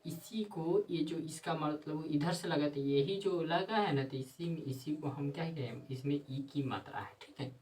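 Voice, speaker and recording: Teacher, off-mic. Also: male voice, on the high side, darkish tone, far from the mic, low-quality recording. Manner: repetitive, asks and answers his own questions; dictates slowly word by word. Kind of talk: grammar lesson at a board.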